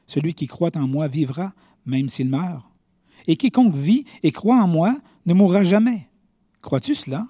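Man reading a solemn, mellow Jesus, scripture-reading feel, dry sound. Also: on the high side, animated, measured pace, no echo, pitched above the performer's own voice. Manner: read aloud plainly from scripture. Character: Jesus, a calm male teacher.

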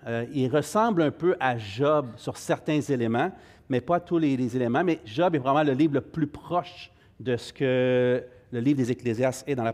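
A fairly high-pitched, slightly mellow male voice belongs to a middle-aged Québécois French-accented man running a relaxed Bible study class. His delivery is halting and full of fillers, with warm asides directed at the group.

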